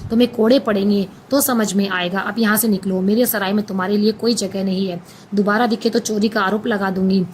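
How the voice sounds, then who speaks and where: A cruel innkeeper woman who snaps and scolds at everyone, as a woman narrating a storybook puts her on. Her voice stays at a middle pitch. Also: brisk, slight background noise, natural voice. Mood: harsh. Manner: harsh, scolding.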